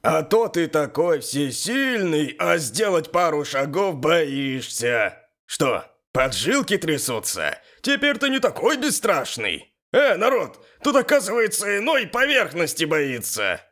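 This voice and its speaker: Narrator doing a cocky mocking guy in an audiobook, loud and teasing. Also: a little high, sing-song, measured pace, pitched above the performer's own voice. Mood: taunting. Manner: taunting, mocking. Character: mocking loudmouth man, provocative companion.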